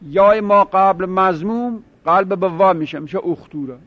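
Heard on a dull lo-fi recording with no room sound, a high-pitched man teaches grammar in a seminary style. He works through the material step by step, drilling word forms through repetition.

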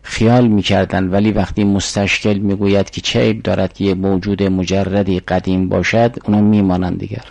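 A man's voice: deep voice, little pitch movement, gravelly, hardly any pauses, darkish tone, no echo, rough recording. An older man giving a formal philosophy lecture, explaining arguments step by step and reciting Arabic syllogisms.

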